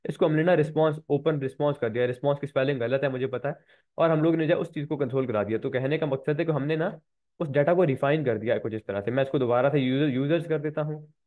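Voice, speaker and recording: A man's voice: fairly high pitch, fast talker. A man with a slightly sore throat teaching a programming lecture, walking students through code step by step and repeating key points. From Pakistan. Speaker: programming instructor. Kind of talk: screen-recorded coding lecture. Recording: tinny phone-like recording.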